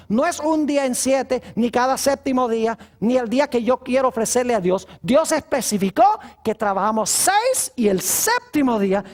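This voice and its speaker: A male pastor delivering a sermon in church. His pitch rises and falls widely, and he keeps asking his congregation rhetorical questions, then answering them.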